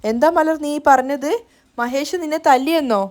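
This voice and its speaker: A firm, protective mother, played by a woman narrator, soothing and stern at once. Her voice is high. It is a storybook recap. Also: moderate pace, a little mellow, natural voice.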